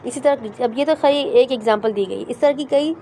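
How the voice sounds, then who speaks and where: A woman with a fairly high, mellow voice teaches recitation in a class. She explains each letter patiently, step by step, and slowly sounds out the syllables for her students to repeat. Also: slight background noise. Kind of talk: online class explaining pronunciation.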